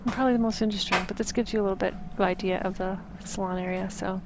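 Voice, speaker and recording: Woman vlogger, casual voice-over, wry and self-deprecating, flat even delivery over a steady hiss of noise. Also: mid-range voice, very fast. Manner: chatty, self-mocking.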